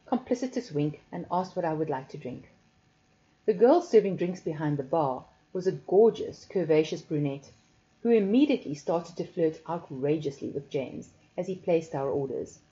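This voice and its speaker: A woman reading a first-person story aloud in a soft, measured, intimate way. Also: fairly low pitch, highs cut off. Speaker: audiobook narrator.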